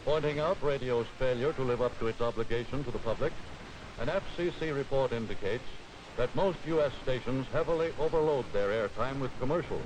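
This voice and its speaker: A man delivers old-newsreel narration in a formal, declamatory tone at a middle pitch. Music plays clearly under his voice on an old film soundtrack. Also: brisk, rough recording.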